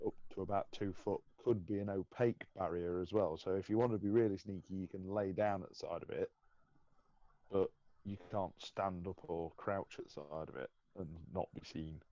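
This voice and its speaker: A man's voice: deep voice, fairly even intonation, a little fast, mellow, no echo, highs cut off. A man co-hosting a casual livestream chat, explaining things matter-of-factly.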